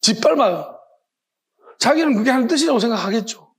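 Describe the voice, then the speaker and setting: A man's voice: extremely high pitch, animated, brisk, husky. A male pastor, preaching an evening sermon with emphatic rhetorical questions. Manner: emphatic, rhetorical questions, acts out imagined voices.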